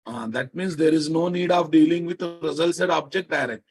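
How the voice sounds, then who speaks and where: A software teacher with a Telugu Indian accent gives a live programming lecture to a class. His voice is a little high and brisk, and he speaks emphatically, repeating phrases and prodding listeners with questions.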